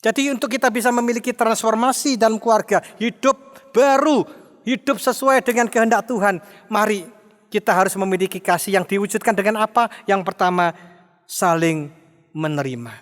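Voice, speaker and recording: Middle-aged man as pastor, emphatic sermon, high voice, echoing church. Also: moderate pace. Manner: emphatic preaching with rhetorical questions; mimics quarrelling spouses in a raised voice. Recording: long reverb of a church hall.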